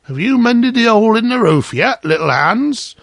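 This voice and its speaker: A man's voice: medium pitch, sing-song, unhurried, gravelly, fairly bright tone, slightly rough, dry recording, clean studio sound, full character voice. A man voicing a smug, self-righteous miller in a storybook tale, lecturing in a pompous, preachy manner. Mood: hearty, smug. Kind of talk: storybook character voice.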